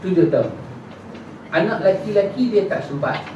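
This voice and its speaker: A man giving a religious lesson in a prayer hall and answering questions, acting out little dialogues in a casual, lively way. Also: sits high, moderate pace. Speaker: religious teacher. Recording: echoey hall, distant mic, dull, noisy.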